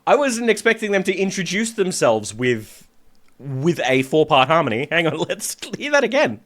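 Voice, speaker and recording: A man's voice: on the high side, sing-song, moderate pace, fairly bright tone. Chatty male vocal coach reacting to music. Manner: chatty and analytical, breaking down harmonies.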